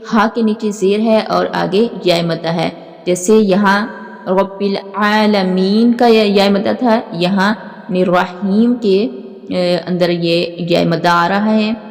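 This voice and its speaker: A woman teaching Quran recitation, explaining pronunciation and then reciting verses slowly with long drawn-out, melodic vowels. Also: medium pitch, fairly even intonation, vocal fry, long reverb tail. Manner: slow and deliberate, stretching recited words melodically. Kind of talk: slow recitation lesson with explanations.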